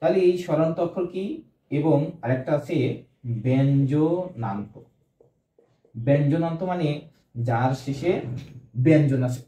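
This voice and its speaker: A man's voice: fairly high pitch, normal speed, pauses often, dark tone. A male teacher giving an exam-prep grammar lesson, asking questions and answering them himself. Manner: quizzing, answers own questions. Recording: echoey room.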